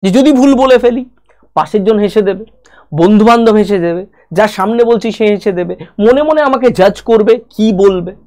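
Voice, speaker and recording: A woman's voice: mid-range voice, moderate pace, darkish tone. Bengali accented woman teacher talking straight to you about english problems, one by one. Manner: direct, talks to the viewer as "you", lists problems one by one. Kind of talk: spoken lesson to students.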